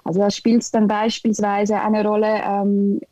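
A young woman from Switzerland with a Swiss German accent, an integration specialist, gives thoughtful, hesitant interview answers full of fillers. Her mid-range voice is mellow, monotone and unhurried, and the recording is muffled with no echo.

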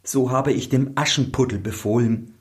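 A man's voice: medium pitch, fairly even intonation, moderate pace, pitched above the performer's own voice, lightly acted. A man voicing an ugly, scheming young bride who scolds shrilly. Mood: haughty. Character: false bride, ugly young woman, scheming and short-tempered.

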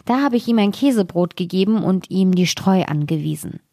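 A woman's voice: mid-range voice, lively intonation, a little fast, warm tone, no room sound, studio quality. A woman voicing a flustered, scheming miller's wife in a storybook tale, speaking in a fussing, lifted tone.

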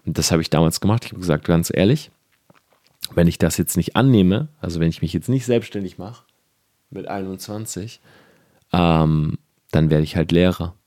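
A man's voice: deep voice, normal speed, mellow, no room sound, clean studio sound. A young man talking earnestly and directly to the listener in a casual motivational monologue, with fillers and the odd swear word.

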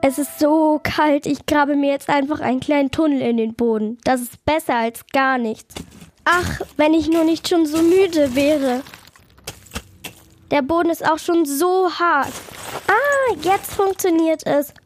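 A woman's voice: high voice, measured pace, slight background noise. A woman voicing a tired, anxious little dormouse in a children's audio story. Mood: fretful. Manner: whiny, fretful.

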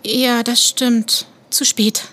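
A woman's voice: a little high, little pitch movement, drawn-out words, a bit bright. A woman playing a curious, polite seven-year-old girl in an educational audio play for children. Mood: sheepish.

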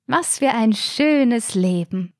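Woman playing a bubbly old ex-ballerina, high fluttery voice, dry. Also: animated, takes it slowly, darkish tone, no room sound. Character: cheerful elderly former ballerina woman.

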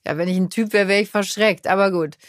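A woman's voice: mid-range voice, fairly even intonation, fast talker, slight background noise. A middle-aged woman hosting a family podcast in casual chat, teasing and joking with a lot of laughter. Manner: teasing, jokey, laughs often. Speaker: podcast host.

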